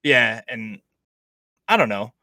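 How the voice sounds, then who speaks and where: This podcast host, a man of thirty, talks with his brother on a laptop call from his small apartment, his medium-pitched voice bright and forceful with big swings in pitch and no room sound. He keeps things cheerful, joking and tossing off quick asides.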